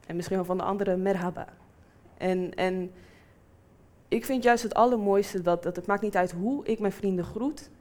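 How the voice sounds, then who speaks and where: A woman in her twenties telling a personal story and acting out the people in it. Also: mid-range voice. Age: 20s. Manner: lively, acts out quoted voices.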